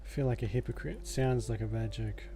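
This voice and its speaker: A male gamer talks casually through his playthrough, thinking aloud in loose, rambling sentences. His voice is mellow and mid-pitched, with faint noise and ambience behind it. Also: a little fast. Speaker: video game streamer. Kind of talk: casual let's play commentary.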